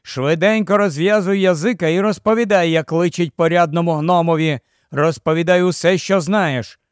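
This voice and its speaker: A man voicing a noble young prince in an audiobook, giving firm, measured commands. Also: a little high, no room sound, studio quality, close to an everyday voice. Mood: commanding.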